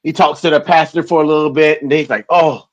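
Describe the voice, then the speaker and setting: A man co-hosting a podcast in casual chat, telling stories in an animated way and laughing often. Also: a little high, fast talker, muffled recording. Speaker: podcast co-host.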